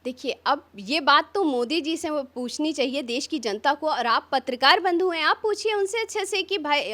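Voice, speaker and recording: A high-pitched woman speaks with fire in a press interview. She piles up rhetorical questions, sharp and insistent, like a politician making her case. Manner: fiery, rapid rhetorical questions. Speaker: opposition politician.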